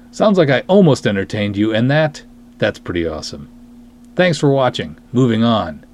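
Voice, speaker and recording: Low-ish in pitch with a darkish tone, the man hosts a podcast monologue where he chats and dramatically reads reviews aloud. He's a writer and director, and his manner is wry, self-deprecating and emphatic. The recording carries a little hiss or hum.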